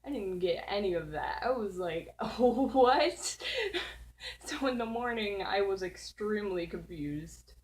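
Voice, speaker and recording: A woman's voice: medium pitch, lively intonation, normal speed, hardly any pauses, poor audio. A teenage girl hosting her channel, casually telling a spooky story at home in a rambling way, full of "like" fillers and giggles. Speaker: channel host. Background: faint background noise.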